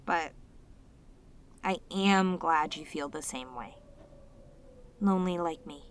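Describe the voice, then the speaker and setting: A woman with a low-sitting voice speaks slowly, over slight background noise, playing a lonely, sweet, possessive demoness in an intimate roleplay audio drama. The sealed-away, obsessively devoted character addresses the listener tenderly and hesitantly, slightly stammering, clingy and emotive, in a lonely, wistful mood.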